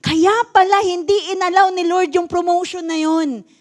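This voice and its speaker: A woman's voice: very high-pitched, steady tone, normal speed. A woman pastor preaching a sermon to a congregation, telling her own story expressively and mixing Tagalog with English. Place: church service before a congregation.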